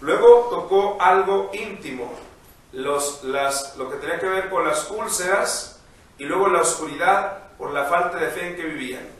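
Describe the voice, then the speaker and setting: A priest reading the gospel and preaching in a measured, solemn way, his voice ringing with heavy cathedral-like church echo. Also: high-pitched. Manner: measured, solemn liturgical delivery. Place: large church. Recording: heavy echo, distant mic, faint noise.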